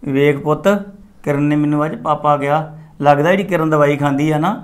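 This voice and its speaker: An actor playing a middle-aged father who speaks gently and patiently. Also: a little high, little pitch movement, a little fast, lightly acted.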